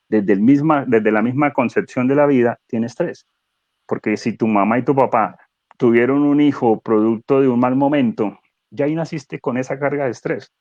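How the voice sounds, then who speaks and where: A man speaking as a guest neuro-coach in a conversational webinar, animated and explanatory, asking rhetorical questions. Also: mid-range voice, no room sound, highs cut off.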